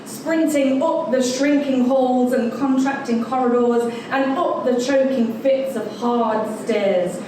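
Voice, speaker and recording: Woman doing a live poem in a bar, fairly high voice, very echoey room, mic far off and lots of room noise. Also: slow pace, few pauses. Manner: expressive, dramatic delivery. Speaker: poetry performer. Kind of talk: live poetry reading. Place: bar event space, indoors.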